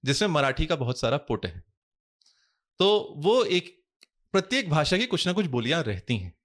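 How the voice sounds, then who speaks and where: A man speaking as a guest in a podcast interview, measured and explanatory, using formal, Sanskrit-heavy Hindi. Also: fairly high pitch, sing-song, a bit bright. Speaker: guest scholar.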